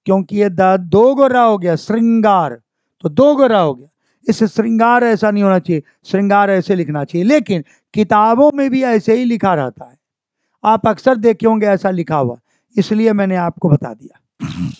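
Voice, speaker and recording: A man's voice: high-pitched, expressive, normal speed, a little mellow, dry recording. A man teaching an exam-prep class, who repeats each word and keeps asking the class for answers. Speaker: Hindi grammar teacher. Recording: dry, dull lo-fi sound.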